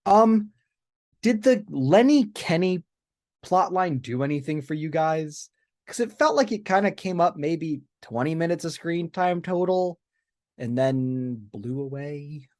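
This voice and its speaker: A man's voice: fairly high pitch, lively intonation, measured pace, darkish tone. A man co-hosting a podcast, talking casually and enthusiastically, restarting often and checking in with "right?". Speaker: podcast co-host.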